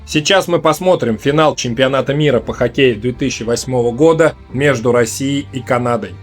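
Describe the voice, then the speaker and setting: A man's voice: mid-range voice, fairly quick. A man hosting and narrating a scripted hockey match recap for a video channel. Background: music.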